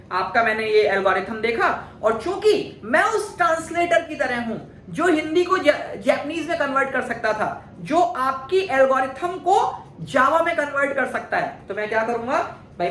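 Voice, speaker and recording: High-voiced woman teaching in an echoey room. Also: fairly bright tone, slight background noise. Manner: frequent rhetorical questions and check-ins; patient, deliberate teaching tone. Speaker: career counselling educator. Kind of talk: explanatory talk to camera. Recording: echoey room with faint ambience.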